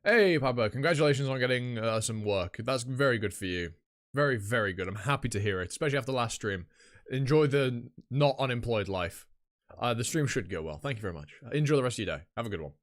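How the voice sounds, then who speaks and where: A man's voice: mid-range voice, expressive, quick pace. A man, chatting casually and rambling on a live reaction stream, swearing and mocking himself.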